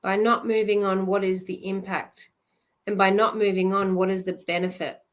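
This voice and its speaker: A woman love coach giving a live presentation in an earnest, halting way, often restarting her sentences. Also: medium pitch, little pitch movement.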